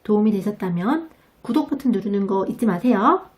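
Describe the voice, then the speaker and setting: A woman with a Korean accent giving a scripted English pronunciation lesson, explaining patiently and clearly. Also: medium pitch, lively intonation, a little mellow. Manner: clear, patient, demonstrates words slowly.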